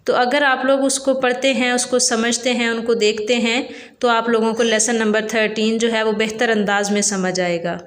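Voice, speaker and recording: A woman's voice: fairly high pitch, a bit bright, reverberant. A woman teaching a Quran reading lesson with a Pakistani Urdu accent, explaining each rule patiently and repeating it twice.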